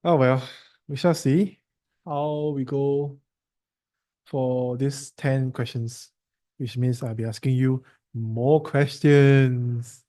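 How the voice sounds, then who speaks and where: A male tutor with a Singaporean English accent walks a student through a science lesson. His voice is warm and mellow at an ordinary pitch, and he quizzes and teases in an easy, chatty way. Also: steady tone, slow pace.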